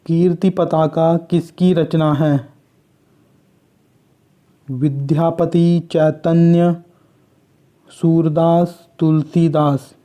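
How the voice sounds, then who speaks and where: A man from Uttarakhand reading Hindi exam quiz questions and their answers in a slow, measured way, like reading off a list. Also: fairly high pitch, flat delivery, warm tone. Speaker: exam prep teacher.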